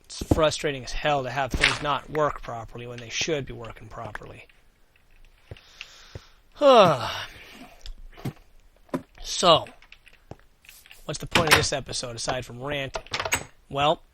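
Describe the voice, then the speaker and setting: A man's voice: mid-range voice, a little slow, pauses often, heavy background noise. A man giving casual gameplay commentary as host, thinking aloud and answering his own questions as he goes. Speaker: gaming video host.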